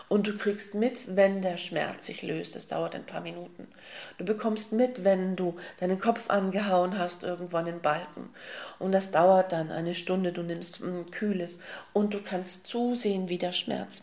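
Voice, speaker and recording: Gravelly-voiced woman giving a spiritual parable. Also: fairly low pitch. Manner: addresses listeners as souls and beloved; slow, emphatic storytelling with soft filler hums. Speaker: spiritual teacher. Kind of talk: spiritual teaching through a parable.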